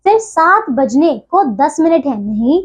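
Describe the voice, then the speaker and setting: A woman's voice: high voice, big pitch swings, unhurried. A woman teaching a grammar lesson to young children, patiently correcting words one by one and checking in after each point. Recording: dull lo-fi recording.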